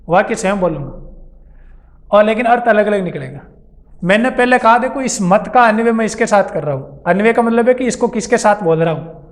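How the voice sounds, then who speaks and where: A man with a Rajasthani Hindi accent teaching a grammar lesson. He repeats key terms and asks and answers his own questions. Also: high-pitched. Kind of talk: classroom-style grammar lesson. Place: classroom or coaching center.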